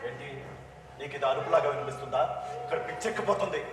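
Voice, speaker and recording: A man's voice: fairly high pitch, quick pace, slight background noise, lightly acted. A man playing an honest, exasperated husband in a stage play, scolding and agitated. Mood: angry. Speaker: stage actor. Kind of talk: stage drama acting. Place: stage in a hall. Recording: echoey hall recording with music.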